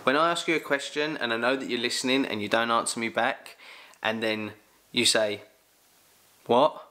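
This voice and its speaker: A young man with a London accent, casually answering Q&A questions in a jokey, animated way. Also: mid-range voice, a little fast. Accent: London English. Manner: animated, jokey, exclaims loudly. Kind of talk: casual Q&A chat.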